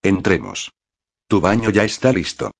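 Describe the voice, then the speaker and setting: Audiobook: male narrator doing a quiet, scared young wife, hushed and deep. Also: animated, a little slow, gravelly, dry recording, heavily acted. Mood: tender. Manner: soft, near whispered. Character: frightened tender young wife, quiet and fragile. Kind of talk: audiobook reading.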